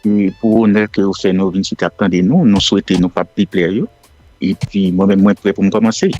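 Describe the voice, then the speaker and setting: A middle-aged Haitian man speaking French with a Haitian accent, explaining himself as a radio guest in a measured way full of fillers. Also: low-pitched, flat delivery, warm tone, highs cut off. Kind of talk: casual radio interview. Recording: faint music in the background.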